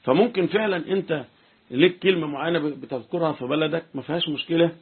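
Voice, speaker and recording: A man's voice: a little high, quick pace, slight background noise. A man with an Egyptian Arabic accent teaching an informal religious lesson, often checking that his listeners follow. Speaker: sheikh teaching Quran commentary. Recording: tinny phone-like lo-fi recording.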